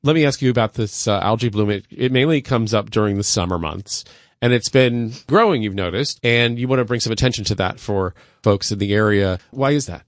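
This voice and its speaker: A man's voice: lowish voice, brisk, dry recording, studio quality. A man with an American accent hosting local radio, reading scripted introductions and asking interview questions.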